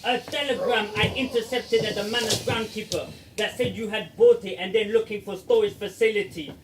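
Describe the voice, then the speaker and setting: A man's voice: sits high, fairly even intonation, fairly quick, natural voice. A man playing a bumbling, gullible brother with a laughing theatrical delivery, in a distant stage recording with background noise.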